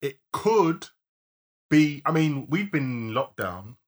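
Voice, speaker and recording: A man's voice: on the high side, sing-song, slow pace. A man with a London accent chatting casually as a podcast co-host, slangy and rambling, often searching for words. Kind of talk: casual chat.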